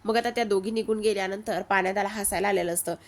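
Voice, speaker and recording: A woman retelling the day's episode of a TV serial in a steady, casual storytelling way. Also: medium pitch, fast. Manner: steady retelling, reads quoted lines in her own voice.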